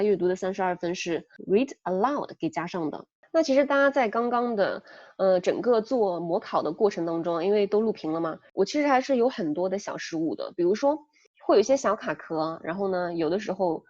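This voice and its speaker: A woman's voice: mid-range voice, a little mellow, no room sound, dull audio. A young woman tutoring for an English test, explaining in a chatty way with many fillers, talking through a headset. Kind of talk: casual spoken lesson.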